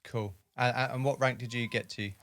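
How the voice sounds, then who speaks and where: A man's voice: mid-range voice, fairly even intonation, brisk, fairly bright tone. A man hosting a podcast, talking in a friendly, chatty way with lots of fillers. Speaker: podcast host. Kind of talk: casual podcast chat.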